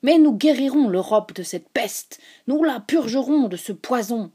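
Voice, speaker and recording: Woman doing despairing officer, anguished, raised loud voice, breathy, slow. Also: a little high, lively intonation, whispered, exaggerated voice. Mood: impassioned. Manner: despairing, bursts into cries. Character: anguished German officer, man, middle-aged.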